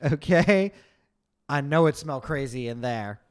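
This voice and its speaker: A man's voice: mid-range voice, clean tone. Teasing man co-hosting a podcast. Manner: quick, animated, teasing, profane. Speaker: podcast co-host. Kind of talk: casual comedic podcast chat.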